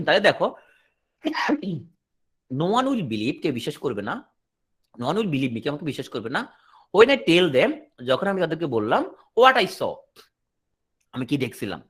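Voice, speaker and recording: Male tutor, online class; animated delivery that rises and falls, reads example sentences slowly. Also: on the high side. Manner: explains in a question-and-answer rhythm, repeating and checking understanding; reads English sentences slowly and deliberately, then translates. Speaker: English teacher.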